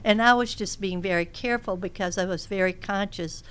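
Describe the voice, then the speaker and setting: A very old woman speaking as an interview guest, telling reflective anecdotes in a measured way. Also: medium pitch, fairly bright tone, clear, resonant tone. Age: elderly. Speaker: interview guest, career coach.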